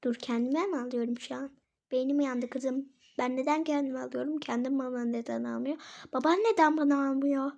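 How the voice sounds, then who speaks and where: A woman's voice: sits high, steady tone, fairly quick, vocal fry, darkish tone, highs cut off. A woman voicing a flustered, scatterbrained mother who shops with her daughter during toy play, exclaiming, scolding and mocking herself. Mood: fussing.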